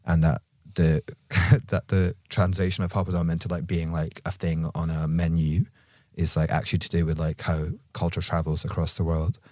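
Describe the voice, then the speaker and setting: Deep-voiced Edinburgh Scottish man. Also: little pitch movement, darkish tone, no room sound. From Scotland. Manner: playful, dry teasing humor; thoughtful, measured when explaining. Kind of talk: casual podcast conversation.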